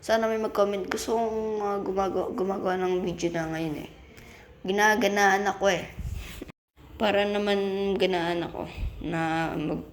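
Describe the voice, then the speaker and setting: A man with a Filipino accent hosting a gaming channel, giving excitable casual commentary as he plays and exclaiming when things go wrong. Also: high-pitched, normal speed, slight background noise. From Philippines. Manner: excitable, yelps and exclaims while playing.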